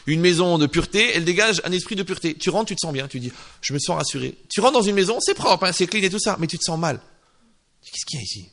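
Gravelly animated French rabbi-style teacher. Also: male voice, high-pitched, fast talker, hardly any pauses. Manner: animated, acts out little dialogues, slips in Hebrew terms. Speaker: religious teacher. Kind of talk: informal Torah lesson.

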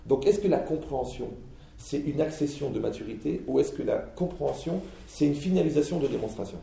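A man teaching an audience in a lively way, full of rhetorical questions, playacted dialogues and jokes. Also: fairly high pitch, fairly quick, gravelly, reverberant, recorded from a distance, a little hiss or hum, rough recording.

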